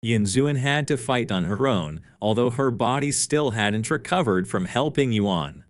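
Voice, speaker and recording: Male recap narrator, animated intonation, dry close sound. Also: medium pitch, measured pace, no room sound. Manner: reads quoted lines the same as the narration, with no put-on voices. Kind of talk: flat read-aloud story recap.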